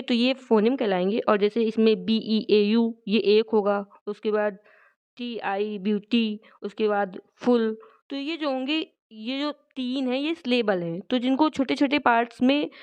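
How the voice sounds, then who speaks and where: A woman teaching a vocabulary lesson for exams, explaining each word step by step and reading the English definitions slowly. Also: a little high, darkish tone, clear, resonant tone.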